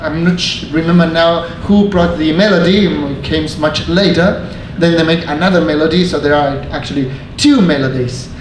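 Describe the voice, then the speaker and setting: A young man from Argentina and Denmark gives a casual, friendly talk to an audience in a museum hall. His voice sits a bit high and he speaks easily, with fillers. The room is echoey and there is a faint hum behind him. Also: moderate pace, few pauses. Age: young adult. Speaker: museum intern presenting a talk. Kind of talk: informal public presentation.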